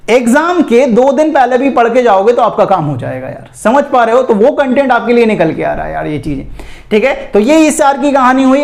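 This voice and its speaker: A man from India teaching an exam-prep chemistry lecture in a chatty way, calling his students "beta" and "bhai" and checking in with "theek hai" again and again. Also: very high-pitched. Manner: keeps repeating "theek hai" and "ye dhyan rakhen".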